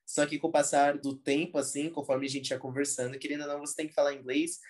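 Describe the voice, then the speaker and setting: A young man from Brazil with a Brazilian accent, a dancer telling stories as a guest in a casual interview, relaxed and slangy with many fillers. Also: fairly high pitch, fast talker. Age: young adult. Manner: relaxed slangy talk full of fillers like "tipo" and "assim".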